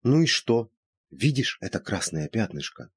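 A man's voice: fairly low pitch, very animated, measured pace, breathy edge, pitched above the performer's own voice, heavily acted. A man voicing an anxious widowed woman who speaks in an earnest, pleading way. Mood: insistent.

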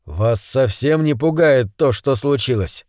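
A man's voice: medium pitch, animated, a little slow, darkish tone, dry recording, studio quality, lightly acted. A man voicing a frightened, agitated man who speaks urgently. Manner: tense, urgent.

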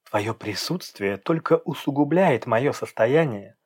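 A man's voice: mid-range voice, lively intonation, a little slow, breathy edge. A man voicing a cold, scheming young woman in an audiobook, speaking scornfully and defiantly. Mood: icy scornful. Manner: icy, scornful, then feigning pain. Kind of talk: audiobook character voice.

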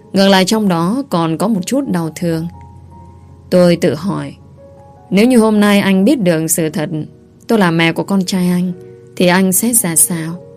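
A woman's voice: on the low side, darkish tone. A woman reading a first-person story aloud, earnest and heartfelt. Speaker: audiobook narrator.

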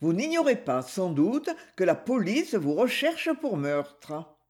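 A woman reading aloud, voicing a male police commissioner who questions people in a measured, formal way. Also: mid-range voice, very animated, darkish tone. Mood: questioning.

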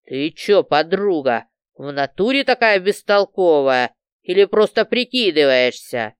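A woman voicing a furious, crude male gangster who snarls threats in a loud, lowered voice. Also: sing-song, unhurried, clean tone, no room sound. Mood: vicious scorn. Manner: snarling, swearing.

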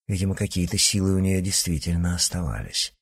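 A man narrating an audiobook in steady storytelling. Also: low-pitched, a little fast, husky.

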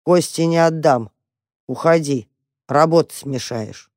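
Storybook role: a big sulky sheepdog, played by a woman, low slow grumble, dry sound. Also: darkish tone, no echo. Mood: gloomy grumbling.

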